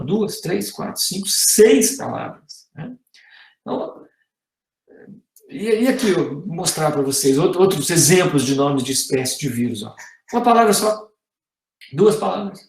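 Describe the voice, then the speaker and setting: In a reverberant space, a middle-aged man with a high-pitched voice and a Brazilian Portuguese accent teaches a university class as a visiting professor. He lays out his explanation step by step, ending many lines with "né?" or "tá?".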